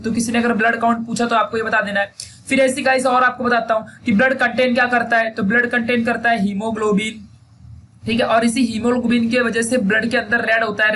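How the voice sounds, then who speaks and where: A young man teaches biology at speed in a high voice, quizzing his class and answering himself. He keeps repeating key terms and fills gaps with "theek hai." Faint background noise sits under his voice. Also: bright, forceful tone. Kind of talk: fast-paced classroom lecture.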